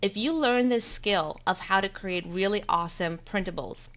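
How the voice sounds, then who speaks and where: A South African woman in her thirties, Afrikaans her first language and with a South African accent, teaches bloggers in a chatty, upbeat live webinar from her home, saying um often. Her voice is medium-pitched and fairly bright, at a moderate pace.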